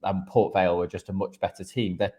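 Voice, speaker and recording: A man's voice: deep voice, level tone, fast, warm tone. A man presenting football betting tips and analysis on a podcast in a conversational style, sometimes hesitant and repeating his words. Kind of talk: conversational sports tipping and analysis.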